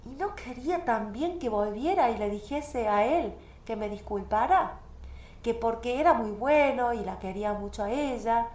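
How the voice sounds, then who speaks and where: A woman's voice: fairly high pitch, expressive, normal speed, a little mellow. A woman reading a novel aloud in the first person, telling the story with anguished emotion. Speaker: audiobook reader. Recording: roomy, slightly dull recording.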